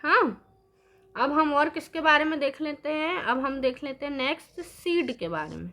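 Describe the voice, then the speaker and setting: A woman's voice: sits high, lively intonation, moderate pace, sharp tone. A woman teaching a science lesson, drawing on the board, asking the class questions and answering them herself, with English terms mixed in. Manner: mixes English terms into Hindi.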